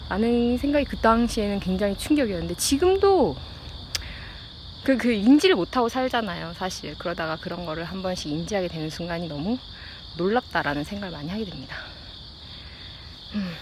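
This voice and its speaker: A woman talks casually and reflectively while out running, with audible breaths, thinking aloud and pausing to ask herself how to put things. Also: medium pitch. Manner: thinking aloud with self-questions and pauses. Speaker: host of a running-and-chat audio diary. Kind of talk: casual reflective solo chat. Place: outdoors at early dawn. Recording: outdoor noise with insect chirps. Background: outdoor ambience with crickets and insects.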